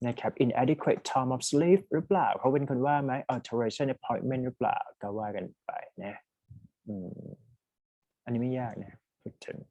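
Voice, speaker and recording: A man teaching an exam-prep class, reading English passages slowly and explaining them in quick Thai. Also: mid-range voice, mellow, no room sound. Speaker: IELTS teacher. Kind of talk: online class lesson.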